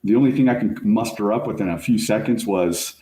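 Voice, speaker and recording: Middle-aged male guest, storyteller, slangy and animated, warm dark tone, roomy sound. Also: lowish voice, fairly quick. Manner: animated, slangy, says "like" and "bro" often. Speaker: guest, fire service chief officer. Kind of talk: casual storytelling in podcast interview. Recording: roomy echo.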